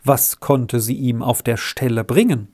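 A man reading a children's story aloud in a slow, measured narrating voice. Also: mid-range voice, a little mellow. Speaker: audiobook reader. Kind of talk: scripted narration.

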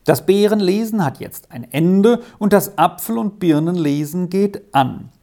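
A woman voicing a generous, firm middle-aged farmer's wife who talks in a brisk, kindly way in a read-aloud storybook. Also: fairly low pitch, warm tone, voice pushed up.

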